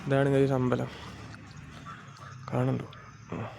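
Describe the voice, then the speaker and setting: A man's voice: mid-range voice, monotone, unhurried, creaky. A man giving casual vlog commentary, pointing out what is around. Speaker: travel vlogger. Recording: noisy outdoor phone video.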